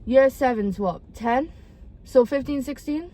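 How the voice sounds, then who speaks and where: A woman's voice: high voice, a little slow. A woman in her twenties hosting a podcast, telling blunt, sweary stories in casual chat. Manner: blunt, sweary, animated storyteller. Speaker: podcast host.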